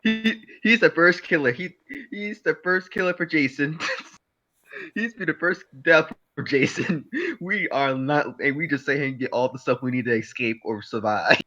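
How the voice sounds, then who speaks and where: A man's voice: on the high side, normal speed, bright, forceful tone, dull audio. A man chatting casually with a friend on a stream, laughing his way through his stories. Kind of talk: casual chat.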